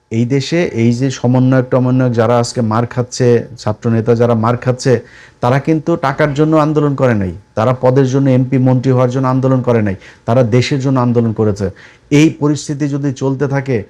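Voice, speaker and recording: A middle-aged man delivers a live political monologue. He scolds and mocks, speaking straight at his opponents in a voice of ordinary, middle pitch. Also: a little mellow. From Bangladesh. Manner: scolding and mocking, addresses opponents directly. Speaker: political commentator.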